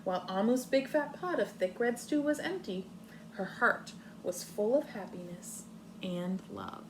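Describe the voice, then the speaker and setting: Reading aloud to young children, a woman teacher speaks at a medium pitch, deliberate and expressive, and stops at points to put questions to her listeners. Some background noise is present.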